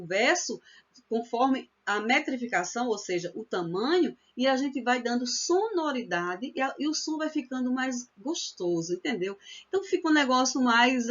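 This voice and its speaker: A woman with a Northeastern Brazilian accent teaching a poetry workshop, explaining patiently and repeating examples slowly. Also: fairly high pitch, a bit bright, highs cut off. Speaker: cordel literature workshop teacher. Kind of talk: online workshop lesson.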